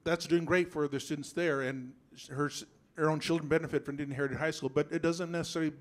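A man in his thirties from a reservation in Washington speaks into a handheld microphone in a public meeting room. His talk is earnest and halting, and his voice has a nervous tremor. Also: a little high, fairly even intonation. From Yakama Reservation, Washington. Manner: halting, earnest, clears throat often. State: nervous, voice shaking. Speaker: school board member. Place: school board meeting room.

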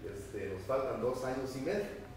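A middle-aged mayor speaking to his guests in a hesitant, filler-heavy way, his voice at an ordinary pitch. The sound is noisy and comes from across a room with strong echo. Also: expressive, moderate pace. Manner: hesitant, many fillers and tag questions. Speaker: town mayor welcoming visitors. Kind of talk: informal welcome speech. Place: medium indoor meeting room. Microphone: far camera. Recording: echoey room, noisy, from far off.

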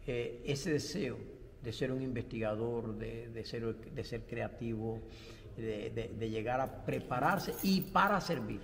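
A man's voice: medium pitch, gravelly, big-room sound. An older man from Cuba, a pastor and theology professor, answering interview questions in a reflective way with light self-deprecating humor. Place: studio set with bright backdrop.

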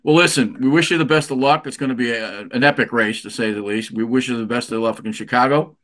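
A man's voice: medium pitch, fast talker, fairly bright tone. A man hosting a sailing show, chatting casually with guests at a marina and often repeating words as he thinks. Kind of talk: casual interview.

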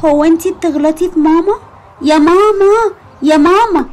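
A woman's voice: very high-pitched, unhurried, a little hiss or hum, voice pushed up. A woman voicing a young daughter who wails and tattles to her mother, in an Egyptian accent. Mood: indignant. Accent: Egyptian Arabic. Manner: wailing, tattling.

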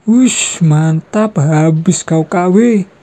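A young adult giving excited gameplay commentary, trash-talking and shouting fight noises. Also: mid-range voice, extremely slow.

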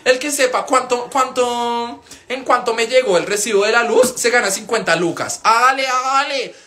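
A young man with a Bogotá Colombian accent chatting casually on a phone livestream, animated and full of swearing. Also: normal speed. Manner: animated, swears a lot, swings into loud high-pitched wails. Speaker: live streamer.

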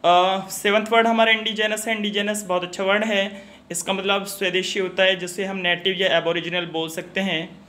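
A man teaching a spelling lesson, spelling words out letter by letter and explaining each meaning in a steady, instructional way, pausing on small hesitations. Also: high voice. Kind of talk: educational video lesson.

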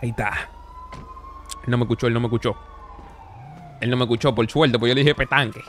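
A young man, streaming a role-play game. He talks fast and animated through his headset mic, joking and boasting in character and to his viewers. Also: medium pitch, a little hiss or hum. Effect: livestream headset mic audio. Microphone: headset microphone.

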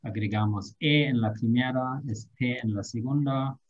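A man teaching an online language lesson, drilling verb forms slowly and carefully. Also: mid-range voice, highs cut off. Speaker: German teacher.

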